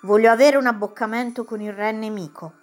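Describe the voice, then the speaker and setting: A woman's voice: on the high side, fairly even intonation, fairly quick, a little mellow, close to an everyday voice. A woman voicing a brave, clever young princess who speaks with pleading but confident firmness, in a storybook reading. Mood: firm.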